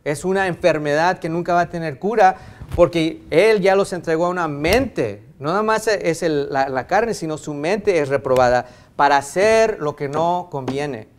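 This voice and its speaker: A man's voice: a little high, moderate pace. A middle-aged male pastor preaching a sermon, emphatic and repetitive, slipping into conversational family stories. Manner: retells family anecdotes in conversational tone.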